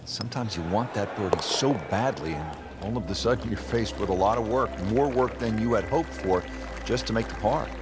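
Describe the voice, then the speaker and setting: A man playing a measured television golf commentator, calling play in a video game broadcast. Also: lowish voice, close to an everyday voice. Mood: measured, engaged. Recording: music and crowd behind voice. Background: music and crowd.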